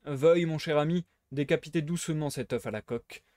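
A man voicing a suave, teasing gentleman thief while reading a novel aloud. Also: fairly high pitch, brisk, no echo, studio quality, lightly acted. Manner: playful, teasing, smugly theatrical.

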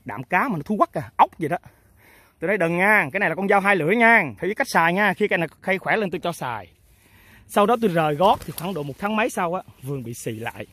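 A man's voice: a little high, breathy edge, dry recording. A man with a Southern Vietnamese accent, the founder of a fertilizer company, speaking off the cuff to farmers and agents in a blunt, emphatic way full of rhetorical questions. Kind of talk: off-the-cuff talk to his customers.

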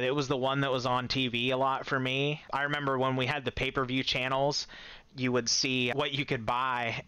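A man's voice: mid-range voice, sharp tone, clean tone, no room sound. A man giving a casual, enthusiastic movie-ranking commentary, chuckling often and rambling with restarts. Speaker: movie reviewer.

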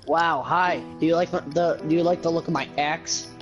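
A man's voice: fairly high pitch, fairly even intonation, normal speed, muffled recording. A man with an Australian accent joking around with friends while streaming a game. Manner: joking, sings nonsense syllables. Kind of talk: casual gaming banter. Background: music.

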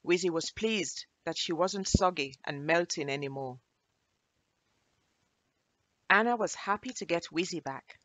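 A woman reading a children's storybook aloud in a gentle, expressive way. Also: fairly low pitch, moderate pace, no room sound.

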